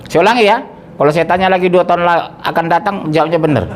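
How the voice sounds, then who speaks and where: A man's voice: high voice, quick pace, a little hiss or hum. A middle-aged man, a preacher, leading an interactive religious study and quizzing his listeners. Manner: questions the audience, lively, jokes. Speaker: ustadz, preacher.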